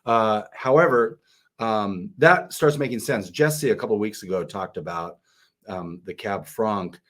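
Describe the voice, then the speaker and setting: Low-voiced man chatting about wine. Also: a bit bright. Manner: chatty, halting with many fillers. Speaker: podcast co-host. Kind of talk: casual wine-tasting chat.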